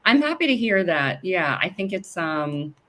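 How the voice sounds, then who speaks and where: A woman's voice: lowish voice, very animated, moderate pace, over a noisy crowd. A woman, president of a company, talking as the guest in a casual interview over a video call, chatty and full of fillers. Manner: chatty, with many fillers and restarts.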